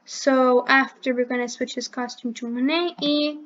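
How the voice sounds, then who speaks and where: A woman's voice: sits high, steady tone, normal speed, a bit bright, muffled recording. A woman hosting a coding tutorial who thinks aloud step by step and corrects herself as she clicks through the program. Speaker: channel host teaching coding. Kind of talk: screen-recorded coding tutorial.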